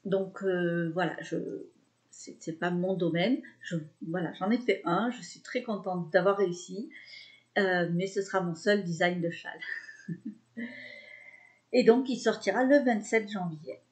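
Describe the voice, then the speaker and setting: A woman's voice: fairly low pitch, unhurried, darkish tone. A woman in her thirties hosting a knitting podcast in a casual, chatty way, hesitating often with fillers and restarts. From France. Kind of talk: casual chat.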